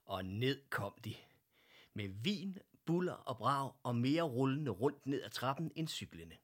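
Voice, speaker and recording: A man narrating a children's story in a gentle, soft way. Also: medium pitch, big pitch swings.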